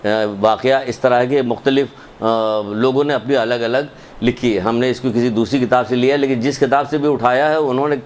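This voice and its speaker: A man's voice: medium pitch, fairly even intonation, darkish tone. A man giving a religious sermon, telling a story, repeating points and asking rhetorical questions. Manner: emphatic, repetitive, rhetorical questions. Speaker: religious lecturer.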